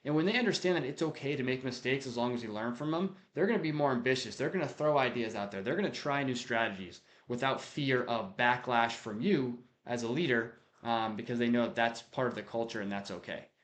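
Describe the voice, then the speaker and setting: A man at a middle pitch talks through leadership advice in a loose, unscripted way. He is direct and conversational, restarts his sentences often, and slips into short acted-out lines as examples. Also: a little fast, hardly any pauses, fairly bright tone. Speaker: leadership coach. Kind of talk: unscripted talk to camera on leadership.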